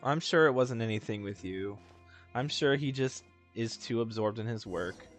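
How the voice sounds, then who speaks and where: A gaming streamer gives casual reaction commentary on his gameplay, blunt, slangy and full of swearing. His voice is medium-pitched and moves at a moderate pace, with faint game music in the background.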